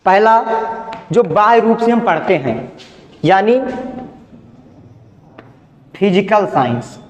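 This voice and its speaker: A man's voice: high-pitched, big pitch swings, slow. A male chemistry teacher giving a classroom lecture. He repeats key terms and asks questions that he answers himself. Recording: echoey classroom, muffled sound.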